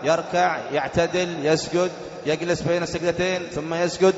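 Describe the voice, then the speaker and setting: A man teaching a religious lesson. He explains point by point, repeats the key rules and slows down to recite verses with careful stress. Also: on the high side, level tone. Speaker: sheikh teaching fiqh. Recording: echoey hall, dull lo-fi sound.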